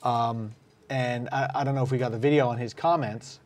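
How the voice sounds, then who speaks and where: A man's voice: mid-range voice, steady tone, brisk, a little mellow. A man hosting a casual sports podcast, recapping a rugby match in a conversational way with many fillers. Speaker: podcast host.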